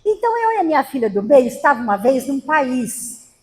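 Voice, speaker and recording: Brief: high-pitched woman lecturer from Brazil, humorous storyteller. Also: big pitch swings, fairly quick, a little mellow, a little hiss or hum. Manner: storytelling with acted quotes and humor. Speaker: spiritist lecturer. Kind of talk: spiritist talk to a gathering. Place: spiritist center hall.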